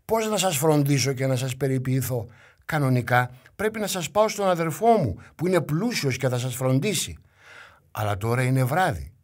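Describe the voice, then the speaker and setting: A man's voice: medium pitch, animated, natural voice. A man doing a kind, humble poor fisherman. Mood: earnest, humble.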